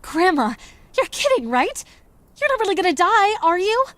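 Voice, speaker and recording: A woman's voice: fairly high pitch, animated, moderate pace, dry recording, lightly acted. A young woman voicing a brave granddaughter adventurer in a game cutscene, speaking in an earnest way. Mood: alarmed.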